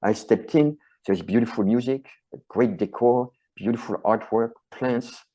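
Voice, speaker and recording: Speaking at a measured pace in a mellow, medium-pitched voice, a French-accented, middle-aged man who works as a chiropractor and writes books responds to an interviewer. He is earnest and passionate, frequently stringing phrases together into lists.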